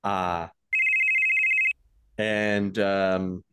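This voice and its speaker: Low-voiced man running a tabletop game. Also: level tone, drawn-out words, very noisy. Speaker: game master.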